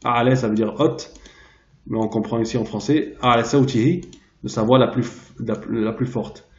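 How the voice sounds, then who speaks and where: A man teaching a translation lesson, pausing often and searching aloud for the right word. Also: mid-range voice, fairly even intonation, a little mellow. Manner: hesitant, searching aloud for words. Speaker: Arabic teacher. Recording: roomy, dull lo-fi sound.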